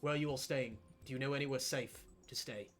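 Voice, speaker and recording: A man's voice: medium pitch, steady tone, brisk, a bit bright, slight background noise, natural voice. A man voicing a terse, cautious male ally in a tabletop game, speaking in clipped, curt warnings. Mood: guarded.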